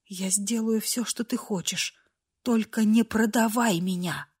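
A woman voicing a frightened young woman who pleads in a hushed, timid voice. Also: mid-range voice, steady tone, measured pace, husky. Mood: pleading. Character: frightened young woman begging not to be sold.

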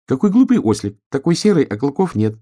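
A man doing a shrill spiteful star. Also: very animated, a little fast, dark tone. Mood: teasing. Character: shrill mocking female star, tempting and spiteful.

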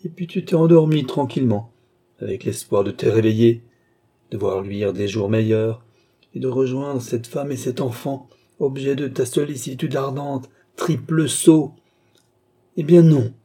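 A man's voice: mid-range voice, fairly even intonation, measured pace, dark tone, breathy edge, voice pushed up. A man voicing a treacherous army captain who speaks coldly and mockingly, taunting his victim. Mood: gloating. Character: treacherous scheming Italian army captain, gloating.

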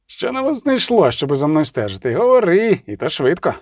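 A man voicing a fiery middle-aged street preacher who declaims and shouts to a crowd. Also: on the high side, huge pitch swings, brisk, no room sound, studio quality, full character voice. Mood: threatening.

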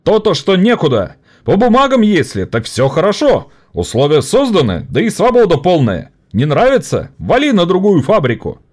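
A man's voice: high voice, wildly swooping pitch, normal speed, hardly any pauses, voice pushed up, exaggerated voice. A man doing a fiery workers' orator. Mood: indignant. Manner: rousing, indignant speech.

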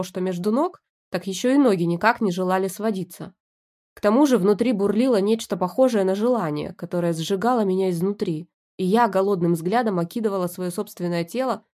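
A woman narrating a first-person audiobook in a lively, expressive reading voice. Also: medium pitch. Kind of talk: scripted narration.

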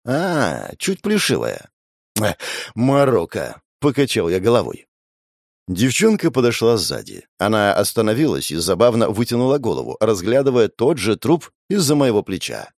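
A man's voice: lowish voice, wildly swooping pitch, normal speed, creaky, no room sound, clean studio sound. A man narrating a first-person fantasy audiobook in a sardonic, crude, wry way.

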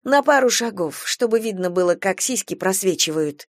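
A woman playing a grim captive woman who speaks slowly and gives commands. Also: medium pitch, animated, no echo, clean studio sound, lightly acted. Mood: slow, cold. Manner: slow, measured, commanding.

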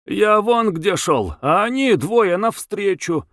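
A man doing a brisk, excited townsman. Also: high-pitched, no echo, studio quality, voice pushed up, exaggerated voice. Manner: brisk hurried telling. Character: excited chatty townsman, bearded.

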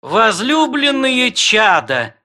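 A man's voice: very high-pitched, sing-song, slow, pushed and bright, pitched above the performer's own voice, exaggerated voice. A man doing a grating metallic robot. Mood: solemn. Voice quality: creaky metallic bark. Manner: pedantic, long-winded and apologetic. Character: grating metallic wedding robot, fussy and officious, male. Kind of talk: audiobook character voice.

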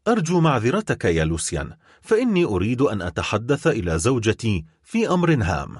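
A man's voice: mid-range voice, huge pitch swings, fast talker, husky, no room sound, studio quality. A man voicing a wealthy middle-aged baron who is cold, stern and accusing toward his wife in a storybook reading.

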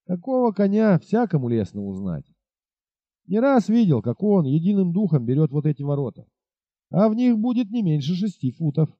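A man reading aloud, voicing a burly village innkeeper who gives advice in a folksy, unhurried way. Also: high voice, very animated, no echo, voice pushed up. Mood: unruffled. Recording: dull lo-fi recording.

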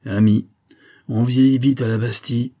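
A man's voice: medium pitch, steady tone, moderate pace, mellow, close to an everyday voice. A man voicing a grave, emotional old man who was long imprisoned. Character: old frail male former prisoner, grave.

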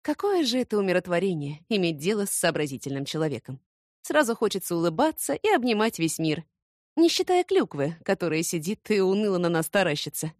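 A woman narrating an audiobook in first person, expressive and ironic. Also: fairly low pitch, fairly quick, no room sound, studio quality.

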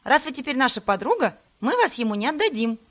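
Woman voicing twin girls, high, shrill, breathless, eager. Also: big pitch swings, a bit bright, exaggerated voice. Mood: eager chatter. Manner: rapid breathless questions, shrill. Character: lively teenage twin girls, chattering and pushy.

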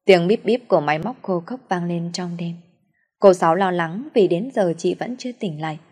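A woman narrating a sad audio story in a calm, sorrowful storytelling manner. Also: fairly low pitch, normal speed, slightly rough.

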